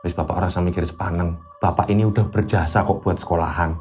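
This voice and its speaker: Gentle wife with a Javanese accent, speaking low and hushed to calm her husband, as a male storyteller puts her on. Faint music plays under the reading, and the voice drops well below the narrator's usual pitch. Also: fast talker. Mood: soothing. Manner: soft, calming, low and quiet. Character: gentle soothing wife of a teacher.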